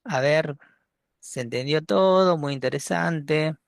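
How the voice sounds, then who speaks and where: A man with a Rioplatense Spanish accent lecturing a university class over a video call, relaxed and joking, with many restarts and tag questions. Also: a little high, slow, gravelly, dry recording, studio quality.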